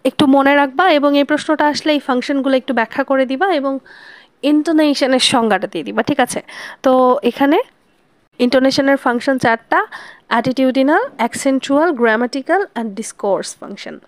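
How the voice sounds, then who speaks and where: A woman's voice: high voice, normal speed, no room sound. A woman teaching linguistics in a casual explanatory style, speaking straight to her students, checking that they follow and acting out example sentences aloud. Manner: mixes English terms into speech, demonstrates intonation examples aloud; addresses students directly, checks understanding. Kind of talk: informal explanatory lesson.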